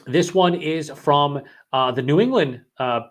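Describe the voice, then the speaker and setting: A man's voice: a little high, a little slow, a bit bright. A man with a sore throat after hours of talking, hosting a live beer-review stream, rambling and swearing as he reads chat comments aloud.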